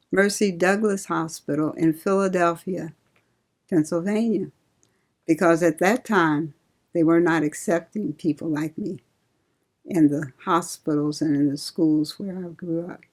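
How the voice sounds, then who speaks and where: Slow-talking older woman reminiscing. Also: on the low side, darkish tone. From Cincinnati, Ohio. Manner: slow, reminiscing, laughs often. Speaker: interviewee, retired nurse. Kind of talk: oral history interview.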